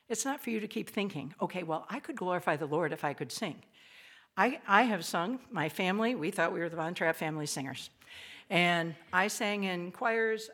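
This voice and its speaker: Speaking to an audience in what sounds like a small old hall, an older woman gives a devotional talk in a raspy, somewhat low voice. She keeps it chatty and lively, tossing in quick self-mocking asides.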